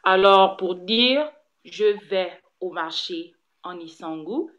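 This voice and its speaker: A woman's voice: on the low side, slow pace, fairly bright tone, lo-fi sound. A woman teaching her daughter words in a casual lesson, patiently correcting pronunciation and praising her. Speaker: teacher, the learner's mother.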